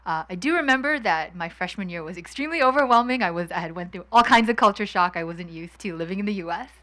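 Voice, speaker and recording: A woman's voice: medium pitch, animated, pushed and bright. A woman in her thirties from Hong Kong, talking candidly as a guest in a fireside chat, with frequent light laughs, into a handheld mic at an outdoor event. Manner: candid, quick laughs, chatty. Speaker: guest investor.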